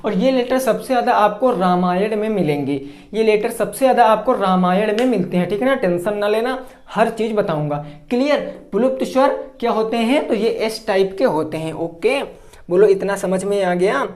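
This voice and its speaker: A male teacher with a high-pitched, slightly mellow voice and lively intonation gives an exam-prep grammar lesson at normal speed. He poses questions and answers them himself, stretches out his example words, and keeps making sure students follow, in an echoey room.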